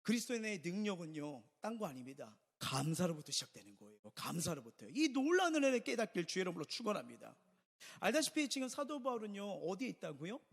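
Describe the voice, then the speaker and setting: A middle-aged man delivers a Sunday sermon in a high, very animated voice that swings up and down as he presses his points. He asks rhetorical questions and repeats key lines. The sound has a gravelly edge and carries the long reverb of a church sanctuary. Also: fast talker. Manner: emphatic preaching with rhetorical questions and repetition. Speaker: pastor.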